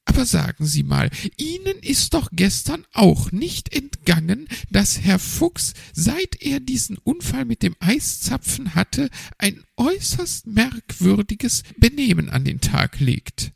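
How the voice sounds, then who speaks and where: A man voicing a fussy, prim female magpie in a storybook reading, pitched high and shrill. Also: big pitch swings, slow pace, vocal fry, hardly any pauses, slightly rough, no echo, full character voice. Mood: exasperated. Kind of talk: audiobook character voice.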